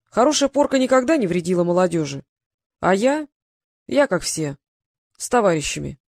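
The audiobook narrator voicing a blunt, gruff older male leader of a troupe of actors. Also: medium pitch, big pitch swings, normal speed, darkish tone, dry recording, clean studio sound.

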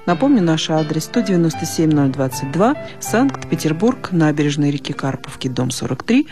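Brisk radio host over background music. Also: medium pitch, big pitch swings. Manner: brisk, managing the time. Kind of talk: hosting a call-in show. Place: radio studio.

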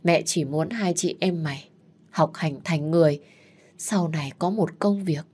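A woman's voice: low voice, a little slow, warm tone, breathy edge. A woman voicing a tired, grieving older mother who speaks firmly to her daughters. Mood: weary, firm. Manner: tired, firm, motherly scolding. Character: weary grieving widowed village mother.

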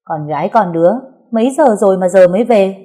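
A stern, curt middle-aged stepmother, played by a woman reader. She scolds in short lines with a low, dark, mellow voice, a strict parent in a spoken story. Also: a little fast, natural voice.

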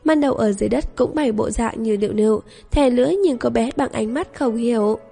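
A woman narrating a novel in steady, even audiobook storytelling. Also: a little high, fairly quick, gravelly, husky. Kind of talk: scripted narration. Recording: long reverb, faint music.

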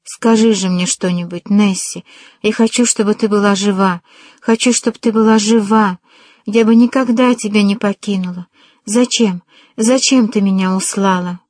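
A woman's voice: mid-range voice, unhurried, mellow, no echo, close to an everyday voice. Woman doing a desperate, pleading young woman. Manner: urgent, pleading cries.

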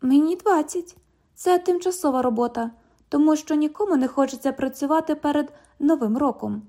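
A woman's voice: high-pitched, fairly quick, mellow, pitched above the performer's own voice. A woman reading an audiobook, voicing a sarcastic, mocking twenty-year-old woman who works as a bank cashier. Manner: mocking, cheeky, parrots the other speaker.

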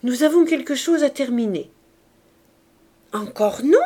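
A woman reading aloud, voicing a playful young bride who teases and pouts in a raised, lively voice. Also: a little slow, natural voice. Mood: pouting. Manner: pouting, teasing, high and bright.

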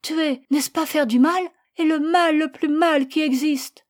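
A woman reading a storybook aloud, voicing a frightened young boy who pleads in high, desperate cries. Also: fairly even intonation, measured pace, no room sound, clean studio sound. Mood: anguished.

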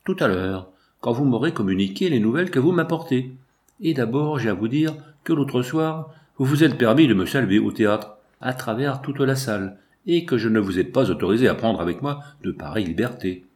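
A man's voice: mid-range voice, expressive, brisk, a little mellow, close to an everyday voice. Haughty rich male capitalist, curt and condescending, as read by a man. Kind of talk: audiobook character voice.

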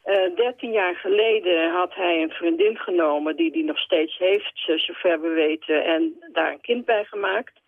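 An older woman calls in to a radio show, and her voice comes through a thin, phone-like line. Her voice is gravelly and dry. She talks hesitantly, with many pauses and fillers. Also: fairly low pitch, no echo. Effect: radio show caller on a phone line. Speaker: caller. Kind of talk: call-in radio question.

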